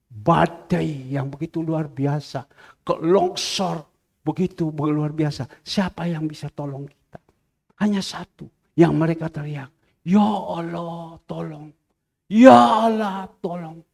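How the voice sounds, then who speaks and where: A male pastor preaching a fervent sermon, swinging from loud cries to quiet asides. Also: fairly high pitch, gravelly, big-room sound.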